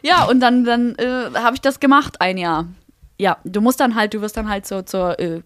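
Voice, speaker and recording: A young woman, chatting casually as a podcast co-host and telling stories in a lively, blunt way. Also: a little high, normal speed, no echo, clean studio sound. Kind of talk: casual chat.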